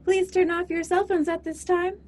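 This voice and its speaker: A woman's voice: very high voice, little pitch movement, moderate pace, darkish tone. A woman playing a sassy, wisecracking flight attendant who slips cheeky asides into the safety talk. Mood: mocking. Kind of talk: comedy sketch acting.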